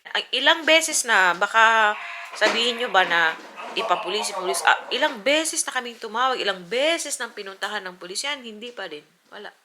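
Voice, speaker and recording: A woman from the Philippines, a mother and vlogger, telling a story in a chatty, animated way to her camera at home. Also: medium pitch, normal speed. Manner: chatty, animated retelling with acted-out quotes. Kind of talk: casual vlog storytelling. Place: home indoors. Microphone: camera mic. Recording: home video with noticeable background noise.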